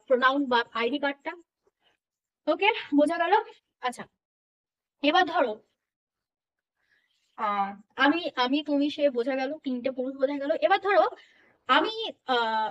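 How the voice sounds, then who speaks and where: A woman's voice: high-pitched, fairly bright tone. A young woman patiently explaining English grammar in a lesson, often checking that her listeners follow. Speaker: English teacher.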